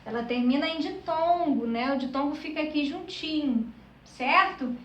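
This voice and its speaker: A woman's voice: sits high, moderate pace, a bit bright, highs cut off, a little hiss or hum. A woman teacher from Brazil explaining a grammar lesson, checking in with her class through constant tag questions. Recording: echoey room, voice a bit far from mic.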